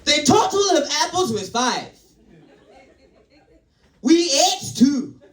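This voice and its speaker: A man's voice: extremely high pitch, big pitch swings, slow pace, a bit bright, voice pushed up, heavily acted. A man putting on a scolding homeschool mom with an African accent. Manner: scolding, exasperated. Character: strict woman neighbor homeschooling her kids. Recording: echoey live venue from a distance.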